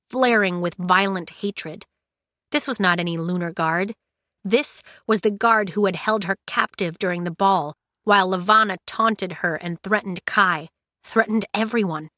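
Woman, audiobook narration, steady measured reading, mid-pitched, close mic, dry studio. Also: no echo.

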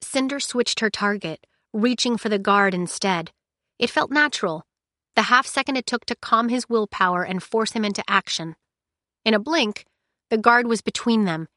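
Audiobook narrator: woman, medium pitch, measured and steady, dead-dry booth sound. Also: no room sound.

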